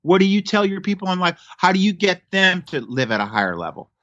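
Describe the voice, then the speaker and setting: A man's voice: high-pitched, sing-song, fast, sharp tone, no room sound. A man in his fifties, a chiropractor guest on a podcast, talking emphatically and preachily in casual chat. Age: 50s. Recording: dull lo-fi sound.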